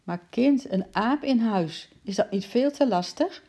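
A woman voicing a kindly, fussing middle-aged mother in a children's storybook, pitching her questions up in a fretful way. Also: lively intonation, a little slow, dark tone, breathy edge, heavily acted. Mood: fretful, fond.

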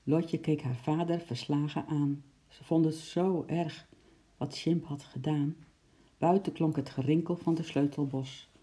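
A narrator reading a children's book aloud in a calm, measured way. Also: mid-range voice.

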